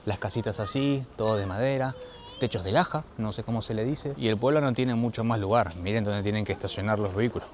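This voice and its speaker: A man's voice: lowish voice, quick pace, a little mellow, slight background noise. Chatty Rioplatense man vlogging outdoors. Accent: Rioplatense Spanish. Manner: chatty, addresses viewers directly, laughs easily. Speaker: travel vlogger. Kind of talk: casual travel vlog. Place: outdoors in a small village.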